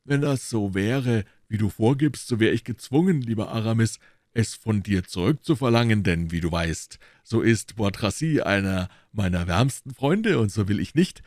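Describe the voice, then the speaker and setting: A man's voice: on the high side, very animated, moderate pace, dry recording, clean studio sound, pitched above the performer's own voice. A man voicing a mocking, boisterous male royal guardsman who talks with mock seriousness in an audiobook reading. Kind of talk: audiobook character voice.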